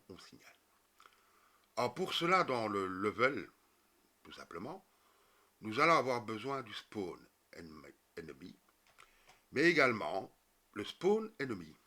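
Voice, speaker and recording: A man's voice: on the low side, very animated, a little slow, pauses often, bright, forceful tone. A man explaining a coding tutorial step by step, with many fillers and self-corrections. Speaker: programming tutorial teacher. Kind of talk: screen-recorded coding tutorial.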